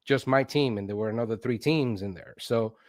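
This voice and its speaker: Brisk and mid-range, this late-40s Venezuelan Spanish speaker, a consultant in instructional design, chats through personal stories as an interview guest. He animatedly voices his own thoughts and keeps asking "right?" to check in. There's no room sound at all, just a dry recording.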